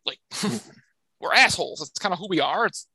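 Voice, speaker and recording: Bright-voiced young man in casual chat. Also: high voice, animated, normal speed, slightly rough, no room sound. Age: young adult. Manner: loose, joking, swears casually. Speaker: podcast co-host.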